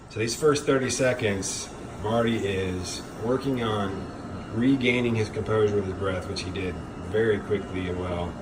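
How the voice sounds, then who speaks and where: Low-voiced man hosting over background noise. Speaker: host guiding an ice bath demonstration. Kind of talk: casual explanatory vlog talk. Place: garage. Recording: clear background noise, humming ambience.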